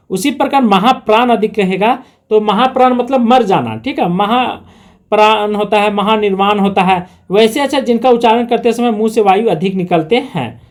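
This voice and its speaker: A woman's voice: a little high, darkish tone. A woman with a Jharkhand Hindi accent teaching an exam-prep grammar lesson, explaining step by step and asking and answering her own questions.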